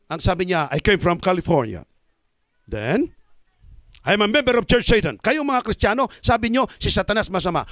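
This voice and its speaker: Animated high-voiced evangelist man. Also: dry recording, studio quality. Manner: animated preaching, swings between shouting and low asides. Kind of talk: sermon.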